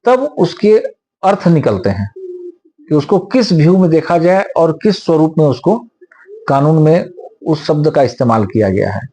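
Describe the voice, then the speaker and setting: A man who is a senior advocate, explaining law at length in an interview in a measured, lecturing way with homely examples. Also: a little high, sing-song, warm tone.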